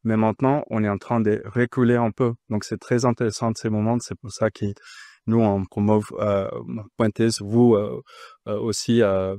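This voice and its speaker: A man speaking on a panel, unscripted, in halting, non-fluent French. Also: fairly low pitch, flat delivery, dark tone, no room sound, studio quality.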